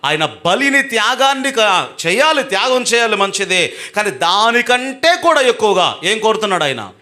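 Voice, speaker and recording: High, forceful-voiced man preaching. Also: sing-song. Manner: emphatic, urges the congregation to respond loudly; swings between slow drawn-out and fast speech. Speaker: pastor. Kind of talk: sermon to a live congregation. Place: church hall with a congregation.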